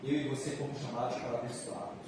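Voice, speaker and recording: A man with a Brazilian accent preaching a church sermon as a pastor, repeating phrases with drawn-out emphasis. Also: medium pitch, flat delivery. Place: large reverberant church room. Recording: echoey hall, distant mic, noisy.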